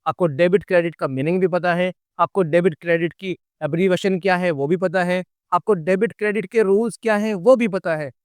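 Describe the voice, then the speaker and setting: A man's voice: high voice, fairly quick, few pauses, smooth, no echo, studio quality. A male teacher explaining accounting to students patiently, repeating key points and calling them kids. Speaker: commerce teacher. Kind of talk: classroom-style lesson.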